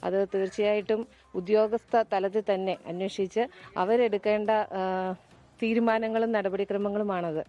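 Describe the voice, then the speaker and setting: A woman speaking hesitantly in a news interview soundbite, pausing with filler sounds. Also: medium pitch, fairly even intonation, dark tone, lo-fi sound.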